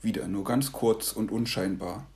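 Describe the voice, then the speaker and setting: A man narrating a devotional story in a calm, measured way. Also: lowish voice.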